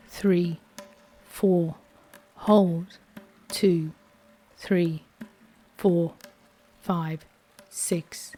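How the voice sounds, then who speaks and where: A woman guiding a breathing exercise as an instructor, counting and giving instructions in a measured way. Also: on the low side, mellow, slight background noise. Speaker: breathwork guide.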